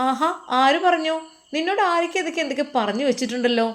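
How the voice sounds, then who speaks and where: A woman's voice: high-pitched, quick pace, a bit bright, pitched above the performer's own voice. A woman voicing a coaxing older foster mother. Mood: insistent. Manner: pleading, insistent questioning.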